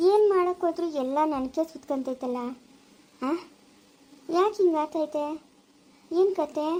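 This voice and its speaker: A woman's voice: high voice, dark tone, low-quality recording. A woman voicing a scheming, bitter old village mother-in-law in a family drama skit, grumbling to herself.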